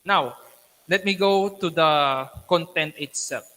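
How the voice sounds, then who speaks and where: A man on a thesis panel, questioning critically in a deliberate, instructive academic manner. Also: a little high, pushed and bright. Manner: deliberate, instructive, frequently checking with "okay". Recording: echoey hall with long reverb.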